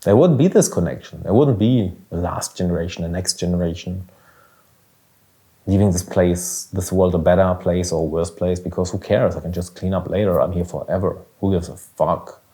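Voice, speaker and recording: Speaking at a moderate pace in a warm tone that sits low, a young German-accented man hosts a laid-back motivational podcast. He's a business coach, and he comes across as earnest and emphatic, with the occasional curse.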